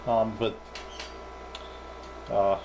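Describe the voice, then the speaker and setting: A man with a lowish, level voice talks extremely slowly while reviewing radio equipment hands-on, thinking aloud casually and hesitantly. The sound is lo-fi, with clearly audible background noise.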